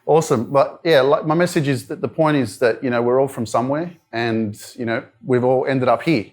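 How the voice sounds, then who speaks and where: At a live indoor event, a motivational speaker with an Australian accent talks casually and directly, chatting with the crowd and swearing now and then. His voice is medium-pitched, a little mellow, and fairly quick.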